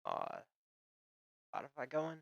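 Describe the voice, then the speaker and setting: A man's voice: on the high side, huge pitch swings, slow, vocal fry, no echo, dull audio. A man streaming, chatting casually and rambling with lots of fillers.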